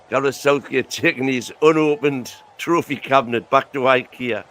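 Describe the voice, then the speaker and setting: A man's voice: medium pitch, normal speed, a bit bright. A man co-hosting a casual match watch-along, tired after a long night of drinking, joking and chatting with a few stumbles.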